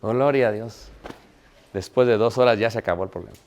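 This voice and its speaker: Man preaching a lively sermon. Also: lowish voice, a little fast, dull audio. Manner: storytelling with quoted dialogue and rhetorical questions.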